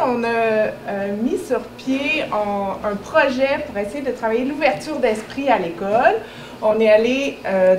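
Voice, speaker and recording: A woman educational consultant, presenting students at a public event and speaking with many hesitations and fillers. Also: fairly high pitch. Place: event hall at a public launch. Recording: roomy hall with loud background noise.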